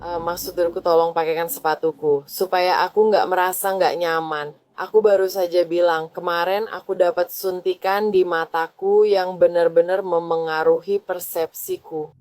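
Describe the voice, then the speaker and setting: A woman's voice: fairly low pitch, steady tone, normal speed, a little mellow, smooth. A drunk woman arguing with and taunting police during a heated confrontation. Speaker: detained driver, intensive care nurse.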